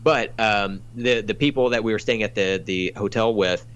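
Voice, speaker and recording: A man's voice: lowish voice, normal speed, fairly bright tone, clean tone, dull audio. A man from Oklahoma chatting casually on a podcast, rambling with many fillers and restarts. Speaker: podcast guest and fellow podcaster.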